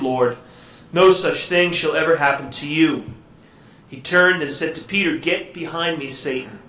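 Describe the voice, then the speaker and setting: Priest preaching in cathedral echo. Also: male voice, a little high. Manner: gentle and reflective, with halting fillers in his own words. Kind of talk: Gospel reading and homily at Mass. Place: church during Mass. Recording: echoey church room.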